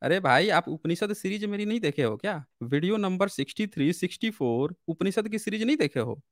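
A high-pitched man hosting a live call-in debate, pressing his caller with rapid, insistent questions. His voice is dry and close, with no room sound around it. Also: animated, no room sound. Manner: argumentative, rapid-fire questioning. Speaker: host.

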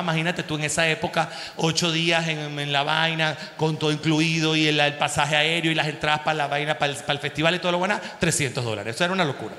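A Venezuelan man in his forties, a comedian host telling a story on stage in an animated way, with crude slang and sound effects. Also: a little high. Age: 40s. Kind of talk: stand-up storytelling. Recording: echoey hall.

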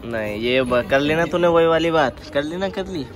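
A man's voice: on the high side, lively intonation, moderate pace. A young man chatting casually and teasing a friend while vlogging on a phone outdoors. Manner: joking, teasing banter with a friend. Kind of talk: casual travel vlog chat. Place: outdoors on a riverside and hill trail. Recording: outdoor crowd and traffic behind.

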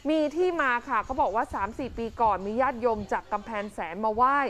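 Fast-talking high-voiced woman news host. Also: fairly bright tone. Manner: chatty, quick banter with co-host. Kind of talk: casual news chat. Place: TV news studio.

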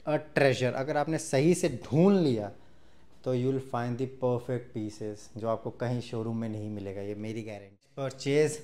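A man's voice: medium pitch, a little mellow. Young guy from india doing a clothes haul, chatty and direct, lapel mic in a small room. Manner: chatty, mixes Hindi and English, addresses viewers directly. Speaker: fashion vlogger. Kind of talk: casual haul video. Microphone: clip-on lapel mic.

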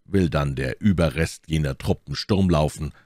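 A man reading a calm, cool musketeer. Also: extremely low pitch, moderate pace, no room sound, studio quality. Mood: calm, indifferent. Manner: quiet, level, indifferent.

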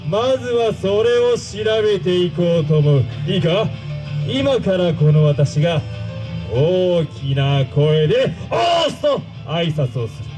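Pompous android villain. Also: male voice, sits high, poor audio. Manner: grandiose commanding speech, loud shouted calls. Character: pompous male android villain rallying a crowd. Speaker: villain host of a live stage show. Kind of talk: live character-show acting.

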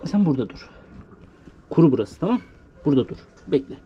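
A man vlogging from his farm, talking casually and soothing animals with quiet, repeated hushes. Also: on the high side, big pitch swings, fast, dull audio, noisy background. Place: farm in a rural village, outdoors. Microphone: body-worn camera mic.

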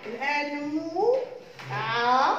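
Algerian lady teacher, high voice, stretches out the sounds, super echoey room w/ noise behind. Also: sing-song, dull audio. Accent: Algerian Arabic. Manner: encouraging, drawn-out syllables. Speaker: preschool teacher. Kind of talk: classroom teaching. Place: classroom.

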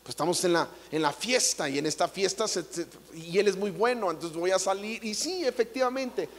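High-voiced Mexican man speaking in a hall. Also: a little fast. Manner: animated storyteller, jokey, acts out voices. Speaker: motivational speaker. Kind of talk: comic inspirational talk. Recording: echoey large hall.

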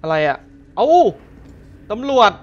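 A man giving casual live commentary while playing a horror game, excitable and yelping at scares. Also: slow, lo-fi sound, very noisy. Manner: excitable, shouts and yelps at scares; translates game lines aloud. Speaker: gamer.

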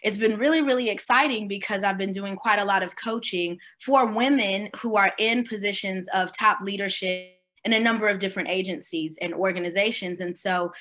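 A woman in her forties from Swaziland speaks on a video call from a room at home, her voice bright and clear in tone. She talks in a relaxed, conversational way, pausing with fillers and checking in with her listeners. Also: mid-range voice. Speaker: keynote speaker. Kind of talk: virtual keynote talk.

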